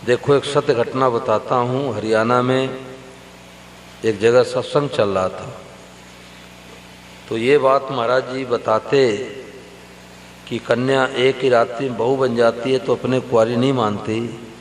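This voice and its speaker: Male preacher, mid pitch, unhurried storytelling sermon to a crowd, roomy hall reverb with faint hum. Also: fairly even intonation. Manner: slow, storytelling, addresses the audience directly. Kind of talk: devotional sermon.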